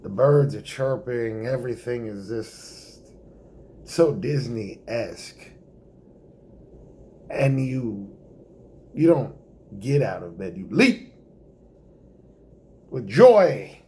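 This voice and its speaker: A man doing a stand-up comedy monologue in a theatrical way, drawing words out for effect and dropping to hushed asides. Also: medium pitch, lively intonation, extremely slow, pauses often, slight background noise.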